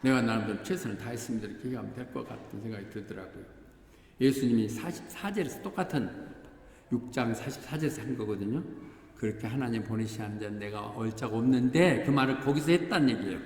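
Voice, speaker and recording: An older man preaching a conversational sermon as pastor, often acting out quoted voices with sudden pitch jumps. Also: fast, darkish tone. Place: church hall. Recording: echoey church hall with faint background noise.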